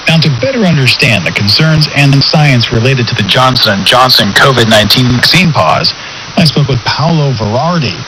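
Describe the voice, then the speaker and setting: A man's voice: medium pitch, expressive, fairly quick. A man hosting a radio news interview, putting his points and questions to a guest. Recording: noisy radio broadcast capture.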